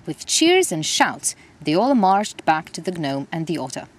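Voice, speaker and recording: A woman telling a children's story in an animated, expressive way. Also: fairly low pitch, a little slow, slight background noise.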